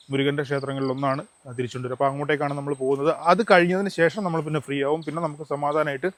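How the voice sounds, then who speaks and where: A man from Kerala with a hoarse voice, chatting casually with many fillers while filming a travel vlog on a handheld camera outdoors. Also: a little high, dry recording. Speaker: travel vlogger. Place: outdoors by a roadside petrol pump and stream.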